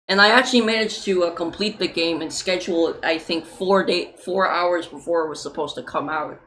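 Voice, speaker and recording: A woman's voice: fairly low pitch, fairly bright tone, a little hiss or hum, low-quality recording. A young woman, an indie game developer, chatting loosely in a livestream Q&A with many fillers and casual swearing.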